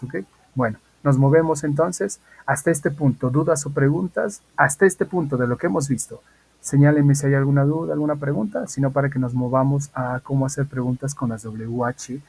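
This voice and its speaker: A man of ordinary pitch with a slightly husky, breathy voice teaches an English class over a computer mic. He is patient and repetitive and keeps checking that his students follow. He speaks as a teacher who is used to talking into a video call. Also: a little mellow, rough recording. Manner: patient, repeats key points and checks in with "¿ok?". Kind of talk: online class lesson.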